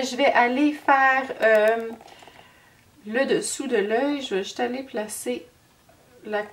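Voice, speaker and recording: Woman, Québécois accent, sniffly head cold, hesitant chatty tutorial talk, distant mic, faint hiss. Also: on the high side. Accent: Québécois French. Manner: chatty, hesitant, many fillers and slips. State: has a cold. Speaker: beauty vlogger. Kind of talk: makeup tutorial.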